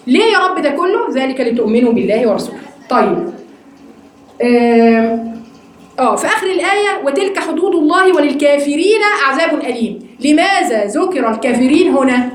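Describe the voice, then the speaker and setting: A woman's voice: high-pitched, very animated, fairly quick, long pauses, roomy sound. A woman with an Egyptian Arabic accent teaching a religious study class, often putting questions to her students. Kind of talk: religious lesson to a women's class.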